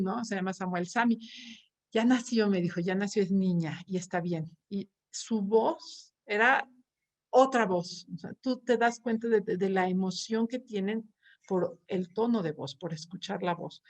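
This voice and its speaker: A woman with a Mexican accent giving a conference talk as a therapist, telling stories with many restarts and tag questions. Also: mid-range voice. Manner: warm storytelling with frequent restarts and tag questions.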